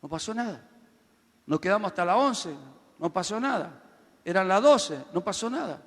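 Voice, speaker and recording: A man preaching a sermon as pastor, telling a story and then building to loud, shouted calls for the congregation to repeat after him. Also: high-pitched, expressive, moderate pace, in a large hall.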